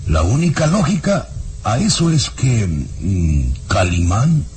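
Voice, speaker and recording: A sly villainous baron in an old-time radio drama. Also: male voice, on the low side, wildly swooping pitch, slow pace, a little mellow, heavily acted. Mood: scheming. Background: dramatic background music.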